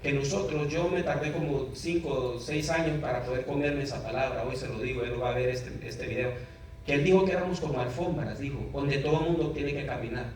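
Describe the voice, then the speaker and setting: A man's voice: medium pitch, fairly quick, darkish tone. Earnest man interviewer, echoey distant sound. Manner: earnest, preacherly reflection. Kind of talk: church interview, reflective comments. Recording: very echoey room, voice from far off, faint noise.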